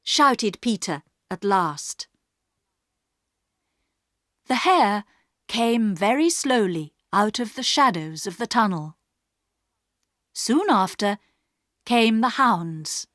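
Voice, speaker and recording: A woman narrating a story in slow, clearly paced English for learners. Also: mid-range voice, expressive, a bit bright, dry recording, clean studio sound. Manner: clear, carefully paced reading.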